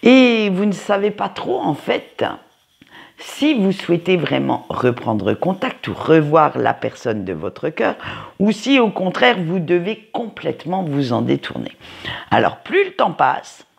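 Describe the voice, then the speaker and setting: A tarot card reader with a noticeable accent gives a casual weekly forecast from home by a window, in an unhurried, sing-song manner. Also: medium pitch, big pitch swings, gravelly, breathy edge. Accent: non-standard French accent, kind not stated. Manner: unhurried, sing-song, frequent "hein" tags. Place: home, by a window facing a tree.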